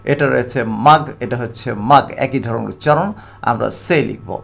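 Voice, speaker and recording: Guy teaching english, reads the english bits slow then explains. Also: mid-range voice, creaky, a bit bright. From Bangladesh. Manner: explains step by step, slowly reads each English phrase. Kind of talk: recorded classroom lesson.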